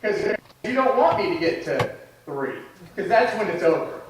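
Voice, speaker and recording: A man's voice: sits high, very animated, moderate pace, background noise. A man in his thirties preaching a sermon in a conversational way, with restarts and asides. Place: church sanctuary. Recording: echoey church hall, from far off.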